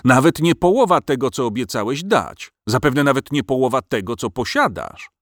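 A man's voice: medium pitch, expressive, moderate pace, no room sound, studio quality, pitched above the performer's own voice, close to an everyday voice. Man doing a bossy shrewd old farmer. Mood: commanding. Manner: bossy, bargaining.

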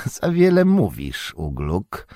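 A man's voice: lowish voice, very animated, unhurried, dry recording, studio quality, full character voice. A man voicing a scheming, vicious male orc who speaks in a mocking, sneering way that is less coarse than the other orcs in an audiobook reading. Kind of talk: audiobook character voice.

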